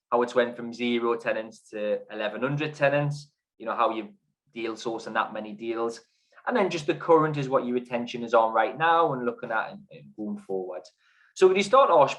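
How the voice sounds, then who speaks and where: A man's voice: mid-range voice, poor audio. A chatty male podcast host with a mid-range voice, introducing and questioning his guest. He talks casually and laughs easily. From Newcastle area lived. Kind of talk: casual interview.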